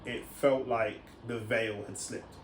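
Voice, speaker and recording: A man's voice: mid-range voice, steady tone, slow pace. A young man, co-hosting a podcast in casual chat, emphatic and repeating words as he starts a point. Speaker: podcast co-host. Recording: roomy with faint noise.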